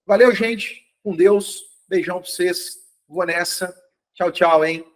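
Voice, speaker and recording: This man speaks slowly in a high voice, over a rough recording. He runs a live online chemistry review, upbeat and encouraging, naming students as he goes and often checking their understanding.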